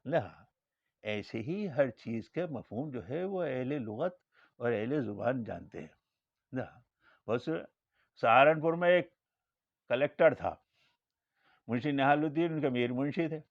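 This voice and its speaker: A man's voice: mid-range voice, animated, pauses often, no room sound. A man giving a religious lecture as an Islamic scholar, telling anecdotes and acting out the dialogue in them. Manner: storytelling, acts out dialogue in quoted lines. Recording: dull lo-fi recording.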